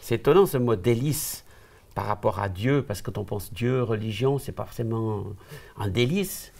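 Gravelly middle-aged male TV host. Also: on the low side, moderate pace, a little mellow. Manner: friendly, brief prompting questions. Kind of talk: studio interview. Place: TV studio set. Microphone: lapel.

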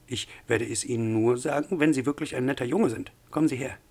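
A man voicing a smug, patronizing male company official with a husky voice. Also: medium pitch, a little fast, a little mellow.

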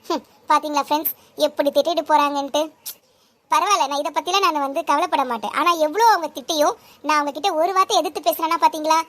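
Woman doing a young daughter-in-law vlogger, high bright chirpy voice, comedy skit. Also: fairly even intonation, fast talker. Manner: sugary to the camera, defensive.

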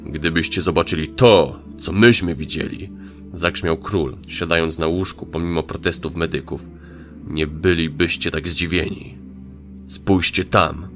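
Man playing Conan, a booming barbarian king. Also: steady tone, measured pace, fairly bright tone, faint music behind. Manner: growling, booming. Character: proud male barbarian king, wounded, fierce.

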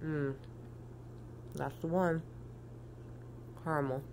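Low-voiced woman with a sick, rough voice. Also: steady tone, slow pace, a little mellow. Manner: chatty, eager, thinks aloud. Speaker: vlogger. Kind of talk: casual vlog chat. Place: home kitchen. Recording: noisy home recording.

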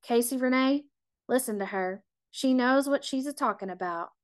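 A stern, churchgoing old grandmother delivers a folksy scolding, as a woman reads her lines aloud. Her voice sits a little high and pushes louder than the surrounding narration. She sounds sure she knows best. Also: moderate pace, close to an everyday voice. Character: older southern granny, stern and churchgoing.

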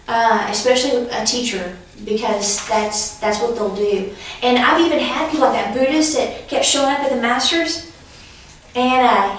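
Woman, Bible teacher, chatty storytelling lecture, higher voice, very echoey room, distant from the mic. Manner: conversational, anecdotal, laughs while telling stories. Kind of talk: teaching a preaching class.

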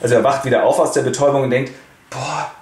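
A man's voice: medium pitch, level tone, racing, a little mellow. Breezy man retelling a play comically. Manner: breezy, colloquial. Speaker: host. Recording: roomy with faint hiss.

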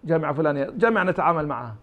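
The audio is tinny and narrow, and the man's fairly high voice is animated and very fast. Interviewed as an academic guest, this Iraqi speaker with an Iraqi Arabic accent pushes his point through imagined back-and-forth talk.

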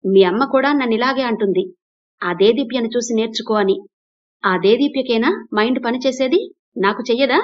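A woman doing a shrill, arrogant young wife. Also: fairly quick, natural voice. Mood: furious, insulting. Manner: scolding, shouting. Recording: dull lo-fi recording.

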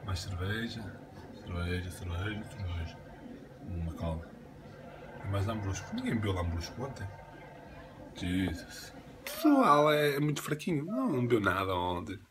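A man with a European Portuguese accent chats in a playful, coaxing way, his pitch swinging widely as he teases. He films himself on a handheld phone in a bedroom at home, and the recording carries a clear hiss of noise. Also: wildly swooping pitch, moderate pace, long pauses. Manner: playful, coaxing, teasing baby talk. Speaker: family vlogger and father. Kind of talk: casual home vlog, talking to his toddler. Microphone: handheld phone camera.

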